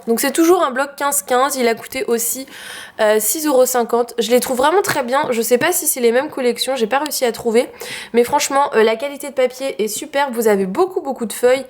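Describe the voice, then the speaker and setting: A woman with a French accent showing her craft purchases in a casual, chatty way with many fillers. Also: high voice. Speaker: craft vlogger. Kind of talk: casual haul video.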